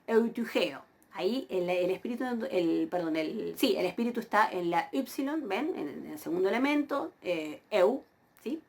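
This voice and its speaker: Patient woman teacher pronouncing Greek slowly. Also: fairly low pitch, a little mellow. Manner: patient, repeats words slowly with frequent "¿sí?" checks. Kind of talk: recorded lecture.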